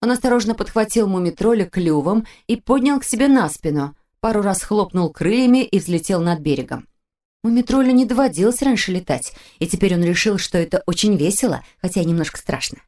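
A woman narrating a children's audiobook in a calm, expressive storytelling manner. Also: mid-range voice, a little fast. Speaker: audiobook reader.

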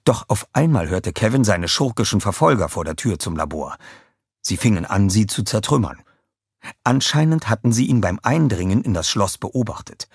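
Husky male audiobook narrator. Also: on the low side, lively intonation, moderate pace, dry recording, clean studio sound.

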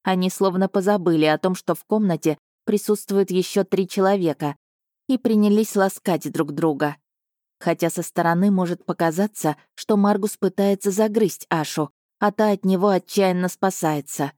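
A woman's voice: fairly low pitch, moderate pace, dark tone, dry recording, studio quality. Woman reading a fantasy audiobook. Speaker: audiobook reader. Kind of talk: first-person fantasy narration.

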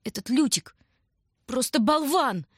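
A woman voicing a desperate, tearful young girl who cries out loudly. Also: expressive, a little slow, husky, no echo, studio quality, heavily acted. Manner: shrill, crying out.

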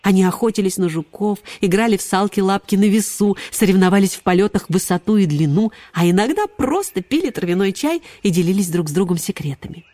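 A woman narrating a children's story in an expressive storybook style. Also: medium pitch, fast talker, few pauses, no echo. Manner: expressive, animated voices. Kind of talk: storybook reading.

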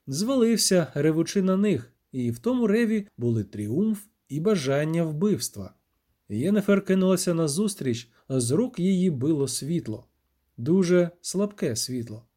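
Male audiobook narrator, dramatic reading, high-pitched, very lively intonation, mellow tone. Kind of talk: scripted narration.

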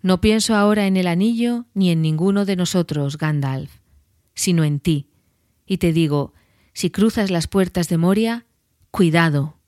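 A woman's voice: lowish voice, measured pace, a little mellow, no echo, clean studio sound, natural voice. A woman voicing Aragorn, a weathered and watchful ranger, solemn in tone.

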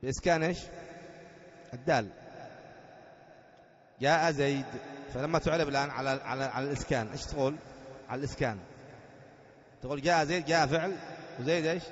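Sheikh teaching grammar, echoey lo-fi hall. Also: male voice, on the high side. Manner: explains patiently, quizzing students with rhetorical questions; slow sing-song chant when reading the text aloud. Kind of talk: classroom lesson reading and explaining a grammar text. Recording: dull lo-fi lecture recording in a reverberant hall.

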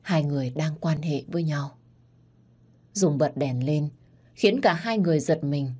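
Husky low-voiced woman telling a dramatic story, gets loud and shrill in fights. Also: measured pace. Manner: rises loud and high for quarrels and cries. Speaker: storyteller narrating all parts. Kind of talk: dramatic audio story narration.

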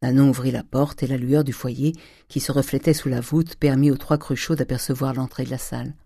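A measured, steady audiobook reading of a classic novel. The tone is dark and mellow, and the recording is dry with no room sound. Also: mid-range voice, creaky, dry recording. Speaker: audiobook reader. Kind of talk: scripted narration of a classic novel.

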